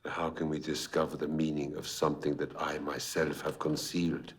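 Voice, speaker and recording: A brooding Viennese doctor. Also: male voice, a bass voice, level tone, normal speed, roomy sound, a little hiss or hum. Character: troubled middle-aged male Viennese doctor. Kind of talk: film drama acting.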